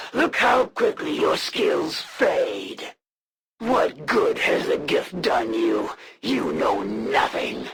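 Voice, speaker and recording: Alien assassin, video game villain, slow, heavily gravelled, zealous, imperious, formal. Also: mid-range voice, fairly bright tone, exaggerated voice. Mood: scornful. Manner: haughty, slow, formal, deliberate. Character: proud menacing alien assassin, zealous warrior of the Elders.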